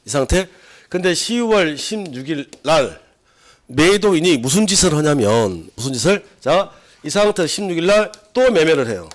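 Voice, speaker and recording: A man's voice: on the high side, very animated, moderate pace. A middle-aged man lecturing a class on civil law. He keeps asking the students questions and acts out his examples. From South Korea.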